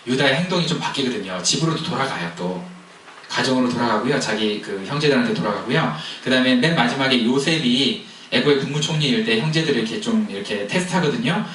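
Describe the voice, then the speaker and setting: Guy preaching, chatty storytelling sermon, mid-pitched voice, echoey room, kinda far from the mic. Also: a bit bright, slight background noise. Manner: conversational storytelling with asides to the congregation. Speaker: pastor. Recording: echoey hall heard from a distance.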